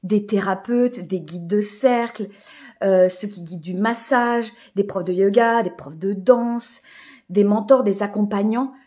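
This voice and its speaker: A woman hosting a live coaching stream, speaking in a reflective, spiritual way with many fillers and soft laughs. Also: medium pitch, measured pace. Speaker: host of a live coaching session. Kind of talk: casual live stream talk, greeting viewers.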